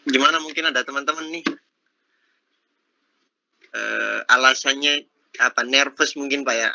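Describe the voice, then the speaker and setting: A man's voice: mid-range voice, moderate pace, creaky, sharp tone, muffled recording. A man moderating an online workshop, speaking briefly and politely to the speaker. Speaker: event moderator.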